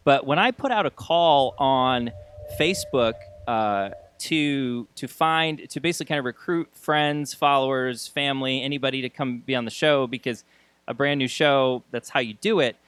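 A man hosting a podcast, talking conversationally with halting phrasing and repeated words. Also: medium pitch, a bit bright, clean tone. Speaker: podcast host. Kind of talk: conversational podcast intro and interviewing.

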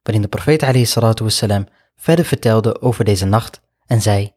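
A man's voice: fairly low pitch, brisk, a little mellow. A man telling a religious story as a sermon, earnest and reflective, often adding Arabic honorifics. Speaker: Islamic preacher.

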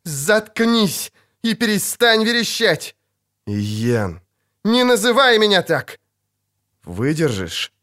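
A man reading an audiobook, voicing a proud, sharp-tongued sorceress in a high, strained, snapping voice. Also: lively intonation, unhurried, close to an everyday voice.

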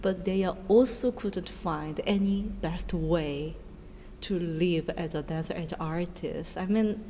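A woman in her thirties from South Korea, a dancer speaking in English with a Korean accent, answering interview questions earnestly in halting non-native phrasing. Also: fairly low pitch, warm tone. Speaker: dancer and choreographer. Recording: reverberant room with faint noise.

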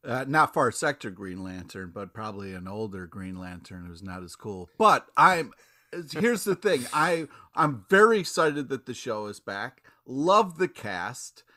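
A man's voice: medium pitch, big pitch swings, measured pace, bright, forceful tone. A man on a casual panel chat, playfully indignant and mock-pleading. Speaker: podcast panelist.

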